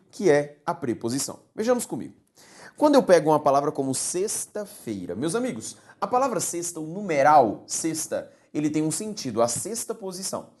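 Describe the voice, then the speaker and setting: Animated Brazilian male grammar teacher. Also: on the high side. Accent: Brazilian Portuguese. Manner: animated, keeps checking in with students. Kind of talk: recorded online lesson.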